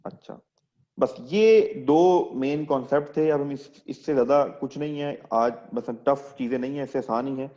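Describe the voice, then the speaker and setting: A man's voice: mid-range voice, moderate pace, mellow, highs cut off. A man teaching an English class online, explaining step by step and quizzing his students as he goes.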